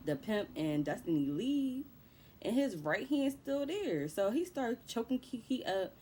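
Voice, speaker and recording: A woman's voice: fairly high pitch, very animated, a little slow, mellow, slight background noise. A young woman casually recapping a movie plot in loose, profane slang. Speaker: movie reviewer.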